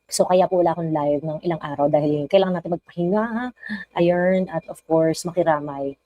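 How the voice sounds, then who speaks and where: A woman's voice: on the low side, brisk, no room sound, muffled recording. A woman with a Filipino accent hosting a casual live stream, chatting and reading viewer comments aloud.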